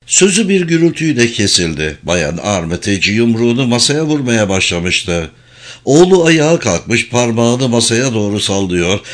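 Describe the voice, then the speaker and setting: A man narrating an audiobook novel in a steady, clear reading voice. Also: lowish voice. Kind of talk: scripted narration.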